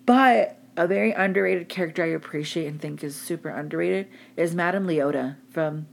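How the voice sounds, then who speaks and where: Low-pitched woman in slangy podcast chat. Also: fairly quick, vocal fry. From Anaheim, California. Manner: informal, slangy, swearing, rambling. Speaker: podcast co-host.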